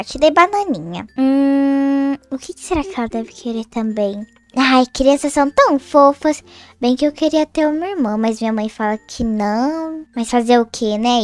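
A sweet, scheming schoolgirl from a game role-play, played by a girl. Her voice is high and excitable, and she coos and chatters to herself. Soft music sits faintly behind her. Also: no room sound. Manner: cooing, excitable, talks to herself. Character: sweet, scheming schoolgirl who loves babies.

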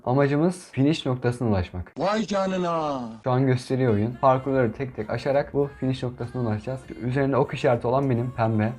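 A young man commenting on his gameplay in a casual, chatty way, who gets frustrated and shouts at opponents. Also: medium pitch. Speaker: gaming YouTuber.

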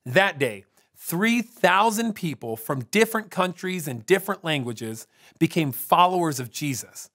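A man's voice: a little high, lively intonation, measured pace, fairly bright tone. Upbeat man telling a kids' Bible story. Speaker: children's church host. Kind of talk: storytelling for kids.

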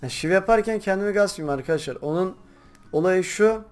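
A young man chatting casually while playing a game, rambling to his viewers and breaking into loud excited shouts. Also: sits high, a little fast. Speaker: gaming YouTuber. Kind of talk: casual gameplay commentary.

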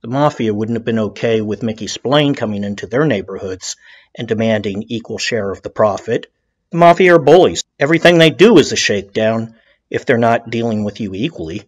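A man's voice: fairly low pitch, expressive, brisk, husky, no room sound. A man narrating a true-crime documentary in a conversational, opinionated way, with blunt emphasis.

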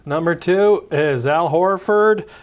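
A middle-aged man with a fairly high-pitched voice speaks slowly and hesitantly, using lots of fillers. He's a guest panelist on a local sports talk show, chatting casually about sports into a lapel mic in a small TV studio set with brick walls.

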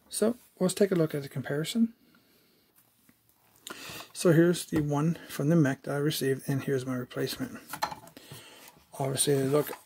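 A man's voice: a little high, gravelly, mellow, a little hiss or hum. A man casually narrating an unboxing of a collectible figure, explaining each step with fillers as he goes. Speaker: toy collector reviewer.

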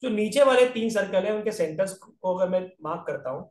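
A man's voice: sits high, lively intonation, brisk, a little mellow, echoey room, distant mic. A man with an Indian accent teaching a geometry lesson online, working through each step and checking in with his students. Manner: explains step by step, checks in with "right?". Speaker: aptitude exam math teacher. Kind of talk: online math lecture.

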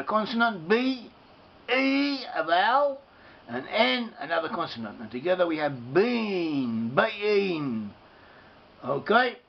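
A man giving an unscripted religious lesson, halting and repeating himself, slowly spelling out letters. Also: high-pitched, vocal fry. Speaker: religious teacher. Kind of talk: unscripted explanatory lecture. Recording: dull lo-fi recording with faint hiss.

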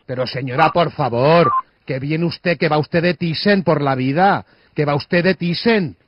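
A man puts on a condescending insurance adjuster from a radio prank, with a Spanish accent from Spain. He is rude and interrupts in a slightly high voice over a dull landline phone. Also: a little slow. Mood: indignant, insulting. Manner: interrupting, accusatory, pompous.

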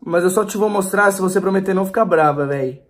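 Fast-talking anxious young man. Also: high voice, crowd noise. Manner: anxious, pleading, slangy. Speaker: vlogger pranking his girlfriend. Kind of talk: prank call vlog.

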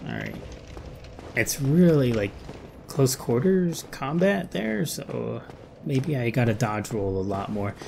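A man gives casual commentary while gaming, talking to himself in short, muttered remarks. His mid-pitched voice has a noticeable gravelly fry. Clear background noise sits behind him. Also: big pitch swings, slow pace, darkish tone. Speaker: gamer recording a playthrough.

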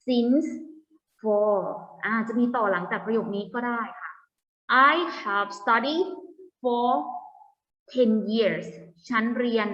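A Thai woman teaching an online English lesson to young pupils, patiently asking check questions and slowly repeating English words with a Thai accent. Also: a little high, fairly bright tone, muffled recording. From Thailand. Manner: patient, asks students frequent check questions. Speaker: primary school English teacher.

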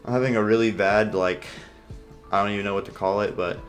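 A man with a fairly low voice commentates a video game battle casually, with music playing behind him. His swollen lip makes his speech slightly off, and he talks in a halting, low-key ramble. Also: steady tone. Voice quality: slightly impeded speech from swollen lips and mouth sores. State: sore, swollen mouth. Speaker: gamer commentating an online battle.

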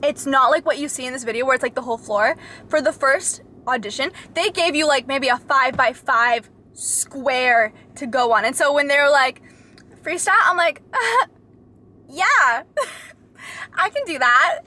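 A young woman reacting to a talent show from inside a parked car, chatting casually in a bubbly, excitable way. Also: high-pitched, normal speed. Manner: bubbly, excitable, with sudden squeals and laughs. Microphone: camera mounted facing her.

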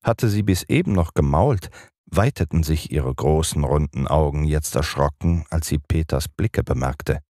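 A man narrating a children's audiobook in an expressive storytelling manner. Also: extremely low pitch, normal speed, no room sound, studio quality.

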